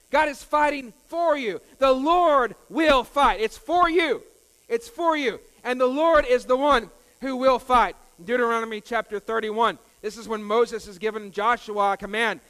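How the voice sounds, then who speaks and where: A male pastor delivers a sermon in a very high, smooth, resonant voice. He repeats key phrases for emphasis and hesitates often between them. His voice rings with the long reverb of a church sanctuary. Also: pushed and bright. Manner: emphatic and repetitive, with frequent hesitations.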